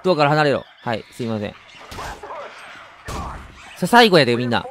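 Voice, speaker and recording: A man giving chatty, excitable let's-play commentary while playing a video game, laughing often. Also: medium pitch, a little fast. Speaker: game streamer.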